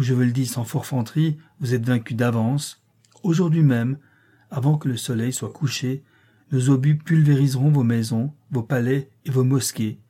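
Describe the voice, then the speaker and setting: A man voicing a composed European officer, speaking in a firm, even tone, in a storybook reading. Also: medium pitch, slightly rough, close to an everyday voice. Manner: monotone and firm, without raising his voice.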